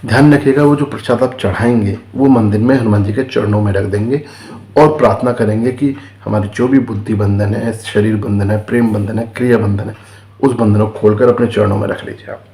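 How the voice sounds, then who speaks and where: Low-voiced man explaining a ritual, roomy echo. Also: fairly even intonation, brisk, mellow. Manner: patient, repeats steps, frequent "ठीक है" check-ins. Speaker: spiritual teacher. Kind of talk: casual spoken instruction on a ritual remedy.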